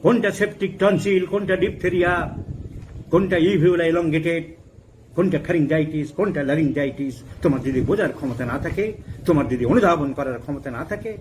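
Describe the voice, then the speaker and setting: A middle-aged man giving a homeopathy lecture, emphatic, rising to forceful high stresses and mixing in English medical terms. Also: normal speed, low-quality recording. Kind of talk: lecture with anecdotes. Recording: faint background noise.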